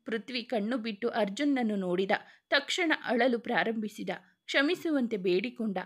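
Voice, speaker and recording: Woman narrating a story, fairly high voice. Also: lively intonation, moderate pace.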